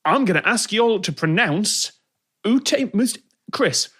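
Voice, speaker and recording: A man's voice: sits high, expressive, a little slow, a bit bright, breathy edge. Male comedy quiz host, light and lilting, chuckles a lot. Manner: breezy, laughs often. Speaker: game show host. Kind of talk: comedy panel game.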